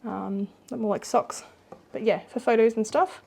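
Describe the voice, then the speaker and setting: A woman's voice: on the high side, fairly even intonation, normal speed, creaky, darkish tone, breathy edge. A young woman giving a casual, rambling walkthrough of her baby's nursery at home, with lots of fillers. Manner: chatty, rambling, many fillers. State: pregnant, with hiccups. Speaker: vlogger.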